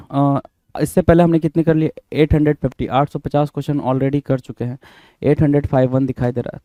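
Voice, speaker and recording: Dark-voiced Indian man teaching vocabulary. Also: mid-range voice, no room sound, low-quality recording. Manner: repeats words and spells them out letter by letter, quizzing the viewer. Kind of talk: vocabulary lesson in Hindi-English mix.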